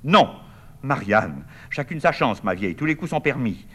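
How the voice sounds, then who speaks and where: Male reader as bold young woman, cutting and sarcastic, higher register. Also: sing-song, normal speed, bright, forceful tone, breathy edge, exaggerated voice. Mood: mocking. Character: bold, mocking young woman, sharp-tongued.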